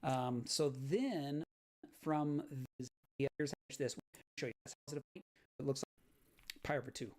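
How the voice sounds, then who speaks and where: Man, math teacher, recorded lecture, patient step-by-step explaining, slightly raised pitch. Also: normal speed, pauses often, a little mellow. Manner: patient, step-by-step explaining with frequent "right?" checks.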